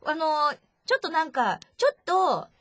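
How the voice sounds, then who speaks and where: A woman's voice: high voice, sing-song, moderate pace, noisy background. A woman co-host chatting casually, teasing and laughing often. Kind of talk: casual radio-show chat.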